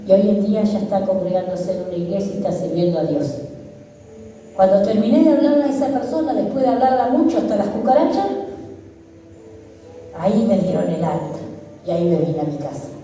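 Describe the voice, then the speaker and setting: A woman's voice: medium pitch, fairly quick, long pauses, mellow, slight background noise. A middle-aged woman pastor, preaching a fervent sermon full of repetition. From Argentina. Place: church hall. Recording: echoey church hall from far off.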